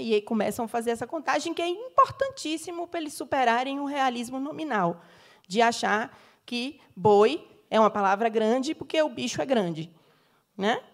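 Brazilian woman lecturing on rhyme. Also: on the high side. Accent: Brazilian Portuguese. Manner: explanatory, frequent tag questions, gives sung examples. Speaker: university professor giving a lecture. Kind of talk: academic lecture.

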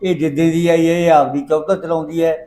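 A weary rural father, acted by a man, coaxing and defensive. His voice sits a little high for a man. Faint music runs under the scene. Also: little pitch movement, brisk, warm tone, lightly acted. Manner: coaxing, then pleading and defensive.

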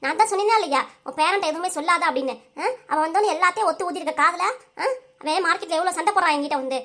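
A woman voicing a middle-aged aunt and mother in a cartoon, speaking with a Tirunelveli Tamil accent and nagging quickly. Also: sits high, a bit bright. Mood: scolding. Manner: pleading then scolding, rapid.

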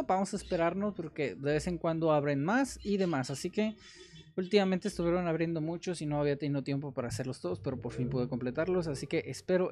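A man's voice: a little high, a little mellow. Brief: young adult male host, casual jokey translator, chatty with fillers. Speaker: host translating a language-app story. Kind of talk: casual commentary while translating.

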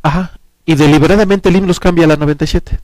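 A man in his forties with a Mexican Spanish accent, wearing a headset mic, serves as guest advisor on a studio talk show and earnestly explains pensions at length. His voice is on the high side and quick-paced, and he gestures lively while talking in the small indoor TV set.

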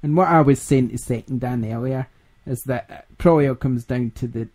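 A man's voice: mid-range voice, a little fast, darkish tone. A Scottish man hosting a gaming podcast in casual chat, laughing often and rambling. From Scotland. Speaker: podcast host.

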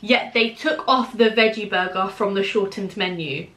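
A British woman in her twenties talks in a bright, crisp-edged voice at a middle pitch. She is chatty and slangy, stressing her points as she vlogs over food. The room adds a clear echo around her voice. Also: moderate pace. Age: 20s. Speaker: vlogger chatting while eating. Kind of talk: casual chatty mukbang vlog. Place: small room at home, indoors. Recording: echoey room.

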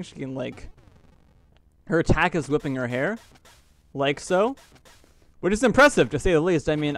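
A man hosting a let's play video, reacting aloud with frequent laughs and exclamations. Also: a little high. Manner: jumpy, exclaiming, laughing often. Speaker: host.

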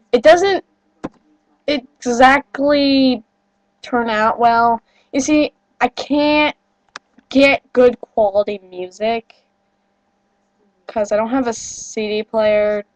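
A fairly high-pitched teenage vlogger, slightly nasal while recovering from a cold, rambles casually to her webcam with many fillers, apologies and self-deprecating remarks. She sits in a small wood-paneled bedroom, and the built-in webcam mic produces a dry, rough recording.

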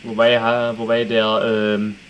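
A man's voice: lowish voice, completely flat delivery, a little slow, muffled recording, slight background noise. Chatty man narrating his gameplay. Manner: chatty, jokey, talks to the audience, shouts at wolves. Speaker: let's play commentator. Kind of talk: casual gameplay commentary.

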